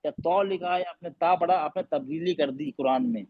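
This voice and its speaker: A man's voice: a little high, no room sound. A man teaching an online recitation class on a video call, sounding out letters again and again and quizzing his students. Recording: dull lo-fi online call audio.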